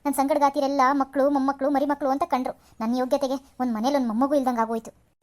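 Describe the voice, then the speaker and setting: Woman playing a cranky old mother-in-law in a cartoon, high voice, talks super fast, always griping. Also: level tone, natural voice. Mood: self-pitying. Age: older. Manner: scolding, complaining, dramatic sighs. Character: nagging old mother-in-law, self-pitying, quarrelsome. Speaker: cartoon voice actor. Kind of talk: cartoon serial acting.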